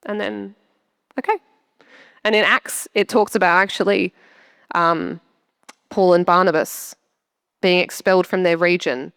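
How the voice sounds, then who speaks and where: A woman's voice: fairly low pitch, unhurried, creaky, long pauses, a bit bright, clean tone, no echo, clean studio sound. A young woman sharing a heartfelt testimony in a church interview, chatty and earnest. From Australia. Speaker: church member interviewed on stage.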